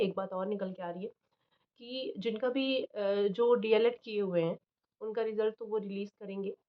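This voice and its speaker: A young woman chatting casually about exam results, thinking aloud with fillers and restarts. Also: mid-range voice. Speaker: channel host, teaching job aspirant. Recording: slightly dull lo-fi recording.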